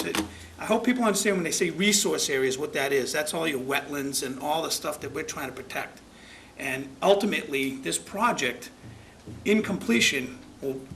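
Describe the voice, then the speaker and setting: Here a man leads a town commission meeting, his voice fairly high and fairly bright. He talks plainly and folksily, wandering off on tangents in his public remarks, over the noise of a public-access meeting recording.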